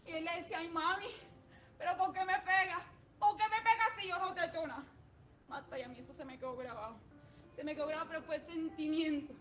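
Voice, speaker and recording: A woman playing a chatty washerwoman mother. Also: sits high. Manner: chatty, storytelling, soft-spoken. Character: poor washerwoman mother, talkative and gentle. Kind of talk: stage drama.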